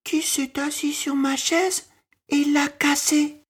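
A man voicing a small baby bear cub who speaks in a shrill, fast, sobbing voice. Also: little pitch movement, a bit bright, exaggerated voice. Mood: tearful, shrill.

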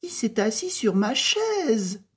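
Man putting on a shrill, loud mother bear. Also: very animated, slow pace, husky, heavily acted. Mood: indignant.

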